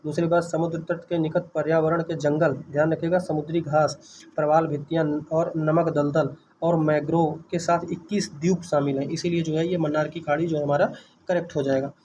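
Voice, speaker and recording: A man works steadily through an exam answer key, his voice fairly high but mellow. He talks in an even, flat line and keeps asking himself the answer again before repeating it. A faint hiss sits under the recording. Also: fairly quick, highs cut off. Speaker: exam tutor. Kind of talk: solving an exam paper.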